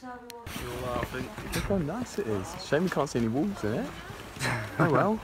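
A man's voice: on the high side, big pitch swings, normal speed, a loud crowd. A young man chatting casually and playfully for a vlog, recorded on a handheld phone. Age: young adult. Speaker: vlogger. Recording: noisy handheld outdoor and indoor recording.

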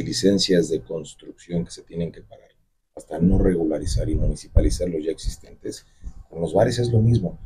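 A man's voice: sits low, mellow, breathy edge. A middle-aged man with a Mexican accent, a mayoral candidate answering emphatically in a radio studio on a desk mic. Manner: emphatic, campaign-speech delivery. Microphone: desk microphone on stand.

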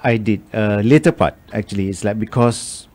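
Brief: middle-aged man from Malaysia, low voice, radio studio guest, thoughtful and halting. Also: darkish tone. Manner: thoughtful, halting with many restarts. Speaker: guest, media executive. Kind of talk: radio interview. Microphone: studio microphone on boom.

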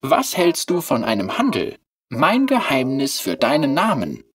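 A narrator playing Fiyerem, a shy and charming porcelain clockwork boy who speaks slowly and softly in a storybook reading. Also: medium pitch, wildly swooping pitch, slightly rough, no echo, studio quality, far from the mic, exaggerated voice.

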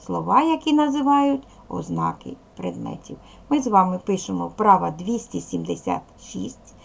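Husky, patient woman teaching children. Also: mid-range voice, wildly swooping pitch. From Ukraine. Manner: slow, clear, patient explaining. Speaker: primary school teacher. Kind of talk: video lesson for young children.

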